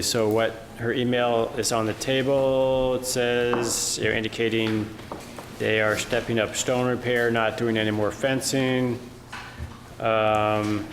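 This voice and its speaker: A man giving an informal report at a meeting, as a staff member going over a budget. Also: mid-range voice. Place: meeting room, indoors. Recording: very reverberant room, faint noise.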